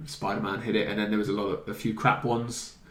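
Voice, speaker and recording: A man with a lowish, fairly bright voice speaks quickly and flatly as host of a video game chat show. He leads a casual, opinionated talk among friends, picked up indoors in a roomy, echoey space.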